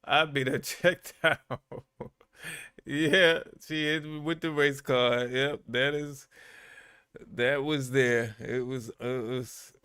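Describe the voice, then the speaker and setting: A man's voice: mid-range voice, steady tone, takes it slowly, pushed and bright, clear, resonant tone, no echo, clean studio sound. A man hosting a live-stream reaction to bodycam videos, talking back at the people on screen and chuckling.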